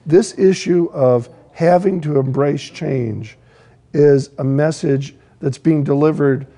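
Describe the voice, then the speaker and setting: A man's voice: a little high, slow pace, warm tone. A man on a TV panel, reassuring and speaking directly to viewers. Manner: reassuring, addresses the audience directly. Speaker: panel guest. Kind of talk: panel discussion on a TV talk show. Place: TV studio set.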